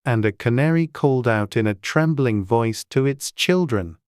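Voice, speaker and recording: A woman's voice: a bass voice, animated, moderate pace, a little mellow, smooth, no echo, studio quality. A woman narrating a classic storybook in a dramatized audiobook reading.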